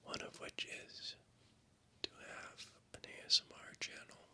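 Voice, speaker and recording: A man gives a whispered ASMR ramble right up against a binaural microphone. His breathy, unvoiced whisper is very crisp and bright, and it comes slowly, with long halts, shifting between the left and right ear in a gentle, encouraging way. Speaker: ASMR channel host. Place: small room indoors at night. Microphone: binaural microphone, very close.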